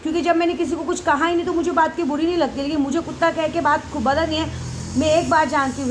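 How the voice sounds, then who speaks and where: A high-pitched woman carrying talks straight to her followers. She goes round in circles, emotional and repetitive. Faint background noise sits under her voice. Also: rough recording. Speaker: devotee leading night prayers. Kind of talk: casual monologue to followers.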